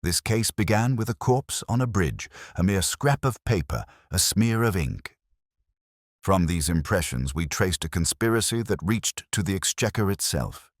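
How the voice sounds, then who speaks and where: In a very deep register, a man voices a brilliant gentleman detective for a mystery audiobook, grave and formal in measured, oratorical phrases that rise and fall expressively. The mood is solemn and reflective, and the studio-quality recording has no echo.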